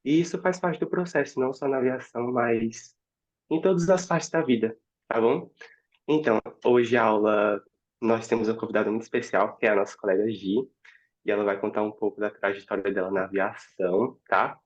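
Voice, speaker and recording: A man's voice: lowish voice, fairly even intonation, fairly quick, dull audio. A man hosting an online class, encouraging and checking in with listeners often, with a cold affecting his voice. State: has a cold, voice may crack. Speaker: class instructor. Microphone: video call.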